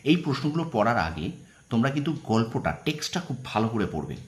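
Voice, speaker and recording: In an informal exam-prep lesson, a man reads out questions and answers in a fast, sing-song, mid-range voice. He's instructive and emphatic, repeating points and often checking that his students are keeping up.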